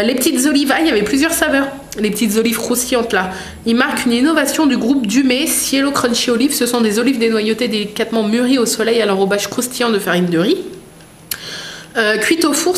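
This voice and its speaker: A woman with a slightly high voice chats casually through a product unboxing, reading the labels aloud and filling pauses as she goes. Her voice carries the echo of a roomy space, with a faint hiss underneath. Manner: chatty, many fillers, reads product labels aloud. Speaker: vlogger unboxing a food box. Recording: echoey room with faint noise.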